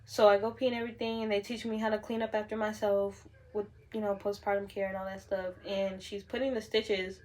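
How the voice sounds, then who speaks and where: A young woman talks straight to her camera in a relaxed storytime vlog. Her delivery is chatty and animated, full of casual "like" fillers. Her voice sits at an ordinary middle pitch for a woman. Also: brisk, hardly any pauses. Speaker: vlogger.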